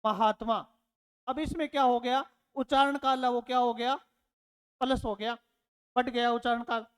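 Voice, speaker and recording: A man's voice: extremely high pitch, level tone, moderate pace, clear, resonant tone, in a large hall. A man teaching a lesson, repeating his words and asking rhetorical questions, calling his learners children. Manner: addresses learners fondly as children. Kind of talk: classroom lecture.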